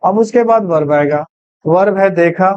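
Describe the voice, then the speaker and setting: A man's voice: high voice, moderate pace, darkish tone, clear, resonant tone, no echo, muffled recording. A man teaching English sentence translation, patiently asking and answering his own questions step by step. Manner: patient, repeats questions to students. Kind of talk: Hindi-language grammar lesson.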